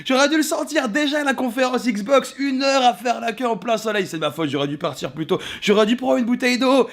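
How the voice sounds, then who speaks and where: Young French gaming vlogger, high-pitched and quick, animated storyteller who curses a lot. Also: male voice. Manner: animated, swears freely, acts out quoted people. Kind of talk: casual vlog storytelling. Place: hotel room.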